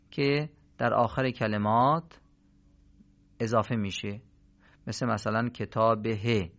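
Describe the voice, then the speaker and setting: Male recitation teacher, patient and explanatory, mid pitch, dull radio-lesson audio. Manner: patient, explanatory, draws out example words slowly.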